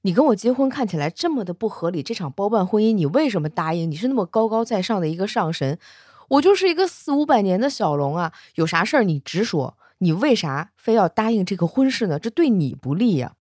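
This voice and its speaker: A woman's voice: mid-range voice, sing-song, fast talker, darkish tone, breathy edge, dry recording, clean studio sound. A woman voicing a stubborn, tearful young male dragon prince in a told story, sounding whiny and indignant. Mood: earnest pleading.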